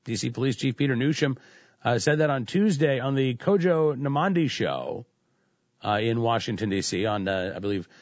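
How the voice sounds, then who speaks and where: A man's voice: mid-range voice, animated, moderate pace, dry recording, muffled recording. A man hosting political talk radio, commenting in a sarcastic, conversational way with frequent restarts. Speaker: radio talk show host.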